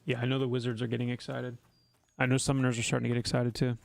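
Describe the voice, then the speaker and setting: A man's voice: medium pitch, flat delivery, racing, gravelly, dry recording. A man streaming a video game, chatting casually with his viewers and teasing them with wry asides. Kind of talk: casual livestream commentary while gaming.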